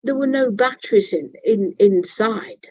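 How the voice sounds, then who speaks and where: Blunt, swearing woman telling a story; slow pace, dull lo-fi sound. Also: medium pitch, a little mellow, dry recording. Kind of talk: casual storytelling. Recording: dull lo-fi recording.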